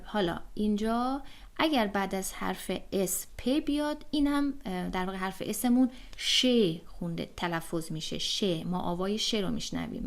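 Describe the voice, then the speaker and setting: Woman, German teacher, online lesson, patient and methodical, hesitant fillers, mid-pitched. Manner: patient, explains step by step with many fillers.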